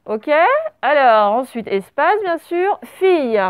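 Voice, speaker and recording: A woman schoolteacher with a high, clear voice leads a class dictation. She stretches and over-articulates each word, then spells it out one letter at a time. The sound is close and dry. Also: lively intonation, a little slow, no echo. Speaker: primary school teacher.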